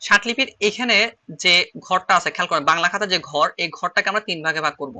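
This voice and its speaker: Fast, bright-voiced male shorthand teacher. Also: sits high. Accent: Chittagong Bengali. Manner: repeats phrases while writing on slides. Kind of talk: online class lecture.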